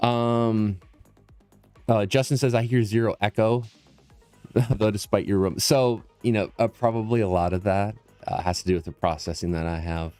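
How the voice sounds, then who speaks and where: This man's fairly low, smooth, darkish voice comes through at a normal speed with no echo, soft music playing in the background. Hosting a live painting stream from a small tile-floored room, he chats with viewers and explains his digital work, often trailing off and restarting, captured by a close condenser mic with processing.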